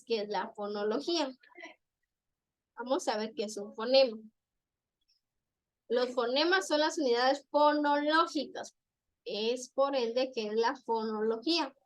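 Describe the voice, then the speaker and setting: High-voiced woman teaching a lesson. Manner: explanatory, repeats examples slowly. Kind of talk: classroom lecture.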